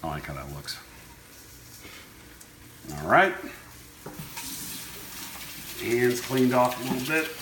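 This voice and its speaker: A man's voice: mid-range voice, sing-song, slow pace, long pauses. A man hosting a casual home cooking demonstration, talking in an easygoing, offhand way as he works. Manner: laid-back, easygoing, offhand. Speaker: home cooking show host. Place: indoor kitchen. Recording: echoey room with clear kitchen sizzle noise. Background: frying sizzle and stirring.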